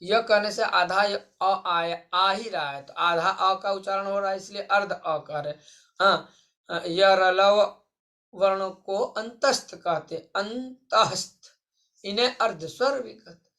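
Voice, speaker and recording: A male Sanskrit teacher gives an online exam-prep lesson, explaining each point, posing a question to the class and answering it himself, and calling his listeners friends. His voice is high and bright with a forceful tone, and he speaks slowly.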